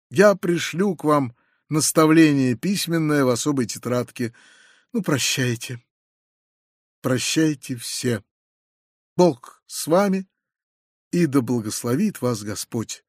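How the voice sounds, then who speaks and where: A man doing a shrill, pompous self-righteous hypocrite. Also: slightly rough, no echo, clean studio sound. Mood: sanctimonious. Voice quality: shrill and preachy. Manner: haughty, sanctimonious, shrieks when enraged. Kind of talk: audiobook reading.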